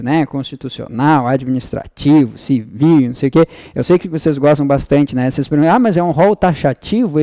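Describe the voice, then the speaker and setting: A man's voice: fairly high pitch, mellow, dry recording, studio quality. A man teaching an online exam-prep lesson. He explains step by step, checks in often with tag questions and acts out students' questions.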